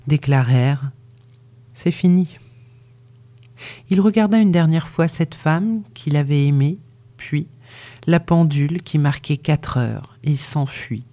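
Audiobook narrator, literary reading, very slow, measured, hushed, sometimes whispered, warm dark tone. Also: medium pitch.

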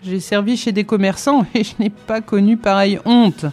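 A woman's voice: mid-range voice, fairly even intonation, moderate pace, a little mellow, voice pushed up, close to an everyday voice. A woman voicing a tearful, put-upon female house cook who complains plaintively. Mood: aggrieved.

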